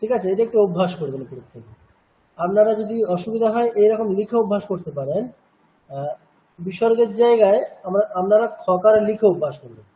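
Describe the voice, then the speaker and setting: A man's voice: high-pitched, lively intonation, mellow, low-quality recording. A man teaching a Sanskrit chanting class, patiently explaining pronunciation rules and checking that students follow. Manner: patient, checks understanding with repeated questions; slowly demonstrates chanted syllables. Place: cultural centre classroom.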